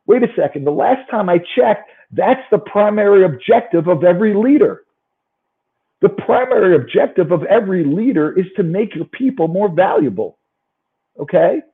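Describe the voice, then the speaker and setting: Through a thin, phone-like line comes a fairly high-voiced man with a New York accent. He speaks as a motivational sales coach, driving points home with emphasis and checking in with his listeners. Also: lively intonation, normal speed. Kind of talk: motivational business talk. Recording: thin, narrow-band phone-like sound.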